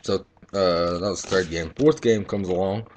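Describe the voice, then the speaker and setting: A young man tells his umpiring stories in a low, deep voice, blunt and full of swearing. The talk is loose and casual, like a home video vlog, with faint clicks in the background. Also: moderate pace, darkish tone, a little hiss or hum. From Texas. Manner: profane, blunt, boastful storytelling. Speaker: baseball umpire.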